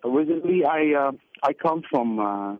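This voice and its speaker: A Sudanese musician in his twenties, a guest on a phone interview, talks hesitantly with many fillers. His voice is fairly high and expressive at normal speed, and the recording is a dry, tinny phone line.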